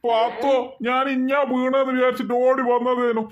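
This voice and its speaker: A woman's voice: sits high, flat delivery, normal speed, dull audio, a little hiss or hum, lightly acted. A woman voicing a bumbling, whiny middle-aged husband in a cartoon, pleading. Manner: pleading, whining. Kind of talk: cartoon voice acting.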